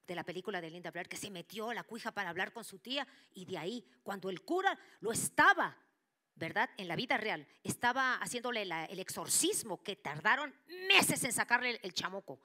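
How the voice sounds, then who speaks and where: Woman preacher, bright voice, lively storyteller, slips into whispers. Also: medium pitch, brisk. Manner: animated storytelling, drops into whispers for quoted voices. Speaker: church speaker. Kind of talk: sermon with personal testimony.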